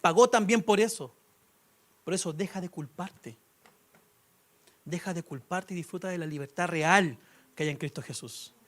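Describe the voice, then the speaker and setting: A young male pastor delivers a conversational sermon. He has a notably high voice and keeps a light, humorous touch. He asks the congregation rhetorical questions throughout. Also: normal speed, long pauses.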